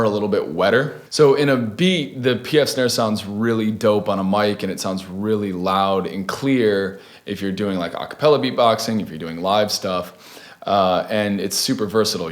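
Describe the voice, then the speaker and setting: A man's voice: lowish voice, brisk. A young man hosting a casual video tutorial, laid-back and chatty with lots of fillers and restarts. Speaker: beatbox tutorial host.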